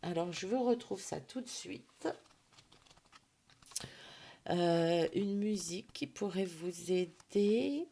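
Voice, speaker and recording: A woman gives a gentle, hesitant intuitive oracle card reading for her viewers, with many fillers and affectionate words. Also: lowish voice, expressive, slow pace, gravelly, pauses often. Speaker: intuitive card reader and hypnotherapist.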